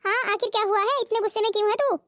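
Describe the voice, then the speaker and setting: A whiny young cartoon college girl, voiced by a woman, always nagging for money and sulking when she is refused. Her voice is very high and squeaky, recorded dry and close. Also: racing, bright, forceful tone, no room sound. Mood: pleading. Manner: whiny, sulky. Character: young college-going sister-in-law, sulky and demanding. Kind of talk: cartoon voice acting.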